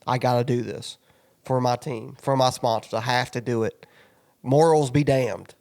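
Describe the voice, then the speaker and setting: Male podcast co-host, mid-pitched, casual and exasperated sports rant with swearing. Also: steady tone, moderate pace, creaky, darkish tone.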